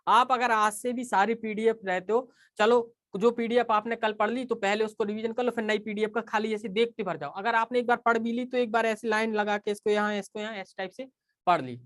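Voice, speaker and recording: A man's voice: sits high, steady tone, a little fast, fairly bright tone. A man teaching a casual live online class, talking straight to his students and often checking in with "okay".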